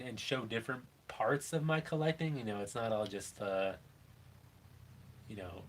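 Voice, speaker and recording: A man's voice: fairly low pitch, fairly bright tone, slight background noise. A middle-aged man with a nasal voice, chatting casually and self-deprecatingly on a live stream about toy collecting, rambling with many fillers. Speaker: toy collector and channel host.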